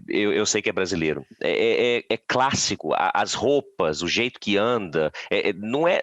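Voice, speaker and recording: Brazilian guy, kinda low voice, rambling podcast stories, dry sound. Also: fairly bright tone, dry recording. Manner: storytelling, many restarts. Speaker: podcast guest. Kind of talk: casual podcast chat.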